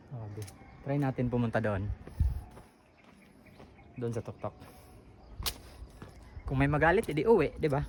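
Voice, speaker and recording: A man's voice: mid-range voice, darkish tone, slight background noise. A man, out of breath, chatting casually to viewers as he explores a hillside trail outdoors on a handheld camera. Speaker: vlogger. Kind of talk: casual running vlog narration.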